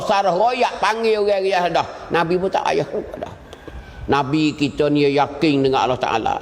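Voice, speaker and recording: Man preaching with long hall echo. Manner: storytelling with sudden rises and drops in pitch, repeating phrases. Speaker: religious teacher. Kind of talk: Islamic religious lecture.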